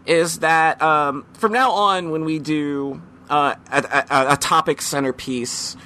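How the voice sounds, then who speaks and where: Bright-voiced man hosting a podcast. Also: a little high, takes it slowly. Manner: loose and rambling, full of ums and casual swearing. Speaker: podcast host. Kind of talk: casual podcast chat.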